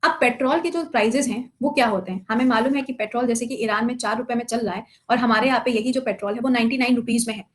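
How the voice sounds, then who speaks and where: A woman's voice: a little high, quick pace, few pauses. A woman teacher giving a live online lesson, asking her students questions, answering them herself, and teasing them playfully. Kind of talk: live online class lecture.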